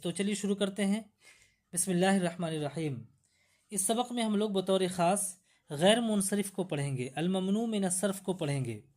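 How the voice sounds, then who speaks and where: A woman's voice: on the low side, warm tone. A woman teaching Arabic grammar in a lecture, patiently repeating each rule with examples.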